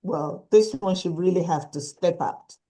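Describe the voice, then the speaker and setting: A woman's voice: on the low side, a little slow, warm tone, rough recording. A woman guest speaker giving encouraging advice in an emphatic way, repeating her points for stress. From Nigeria.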